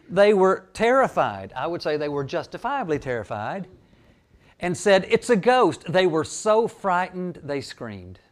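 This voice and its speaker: A man pastor giving a conversational sermon, reading scripture and telling church history. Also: mid-range voice.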